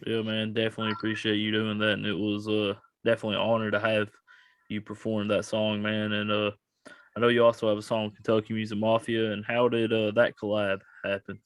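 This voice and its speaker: A man's voice: on the low side, completely flat delivery, a little fast, clean tone. A man hosting a podcast, laid-back, thanking his guest and asking simple questions. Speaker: podcast host. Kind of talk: casual podcast interview.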